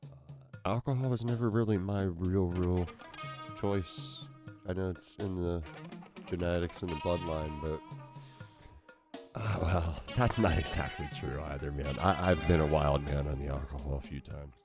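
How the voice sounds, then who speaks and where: A man's voice: low voice, steady tone, moderate pace, music in the background. A man co-hosting a casual podcast, laid-back, asking short questions and agreeing. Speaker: podcast co-host. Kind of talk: casual chat.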